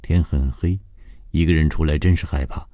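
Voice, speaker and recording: A male narrator reading a horror novel aloud in measured, scripted storytelling with dramatic rises. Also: a bass voice, fairly even intonation, warm tone, no echo, clean studio sound. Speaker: audiobook narrator.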